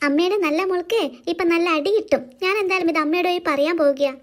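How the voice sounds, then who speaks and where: A woman's voice: very high voice, fast talker. A woman voicing a smug, taunting older sister in a cartoon.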